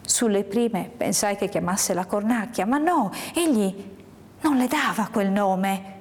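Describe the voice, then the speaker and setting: A woman reading a first-person literary story aloud in a measured, hushed way, sometimes sinking into a whisper. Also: mid-range voice. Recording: long hall reverb.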